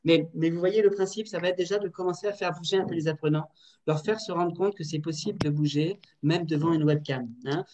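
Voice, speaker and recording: Lively woman leading an online workshop. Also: fairly low pitch, a little fast, slight background noise. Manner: lively, directive, many fillers and checks. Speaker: teacher trainer. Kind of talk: online workshop on classroom activities. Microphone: computer mic on a video call. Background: building works next door.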